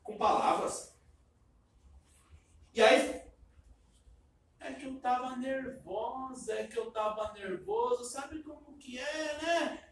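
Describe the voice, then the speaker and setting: A man preaches loudly and emphatically. His voice carries through a very echoey church hall, picked up from some distance away. Faint room noise sits under the sound. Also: very high-pitched, slow pace, long pauses. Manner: loud, emphatic, says he speaks loudly. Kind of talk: sermon. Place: church sanctuary.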